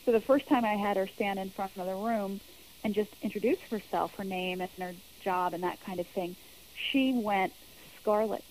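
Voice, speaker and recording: An earnest woman speaks as a public speaking coach, laying out her method step by step. She explains patiently and comes back to her key phrases to drive them home. Her voice sits at an ordinary middle pitch. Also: steady tone, moderate pace, a little mellow, slight background noise, rough recording. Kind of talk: interview answers.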